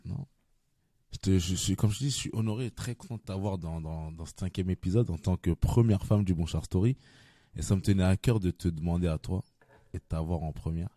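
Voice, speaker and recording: Host: man, deep and very mellow voice, friendly, tripping over his words. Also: a little fast, no echo, clean studio sound. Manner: friendly, stumbling restarts. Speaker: podcast host. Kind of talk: casual interview chat.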